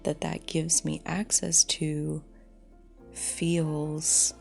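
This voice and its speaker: A woman reflecting aloud in a halting, personal way with long pauses, recorded dictaphone-style on a phone voice recorder, her breathy voice often trailing off toward a whisper. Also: deep voice, completely flat delivery, a little mellow, soft background music. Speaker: solo storyteller.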